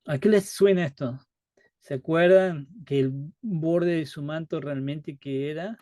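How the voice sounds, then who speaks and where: A man's voice: fairly high pitch, a little slow, a little mellow, no echo, clean studio sound. A man leading a live Bible study, talking conversationally, asking rhetorical questions and acting out quotes.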